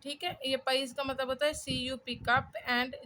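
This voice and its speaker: A woman talking through her study notes in a chatty, casual way at home, with many pauses and fillers while she writes. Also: high-pitched, level tone, sharp tone. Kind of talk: casual explanation while writing. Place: home room.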